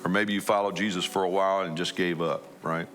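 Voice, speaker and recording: Pastor guy preaching, lowish voice, keeps asking the crowd questions, bit of music behind. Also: steady tone, fast, a bit bright. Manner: conversational, asks the audience many questions. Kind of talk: sermon.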